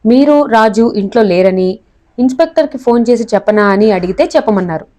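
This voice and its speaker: A woman's voice: fairly high pitch, expressive, a little fast, dark tone, natural voice. Woman voicing a dutiful young male servant.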